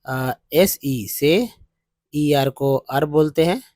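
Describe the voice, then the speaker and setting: A man teaching spoken English, reading text slowly word by word and explaining how each word is pronounced. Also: fairly high pitch, a little mellow, dry recording.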